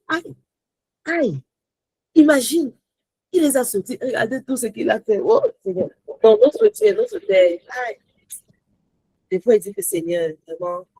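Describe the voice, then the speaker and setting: A woman teaching a Bible study in a lively, animated way, mixing in English phrases, sometimes near-shouting with joy, then dropping low and soft. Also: breathy edge, no room sound, rough recording. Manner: rises to joyful near-shouts, drops to soft low asides.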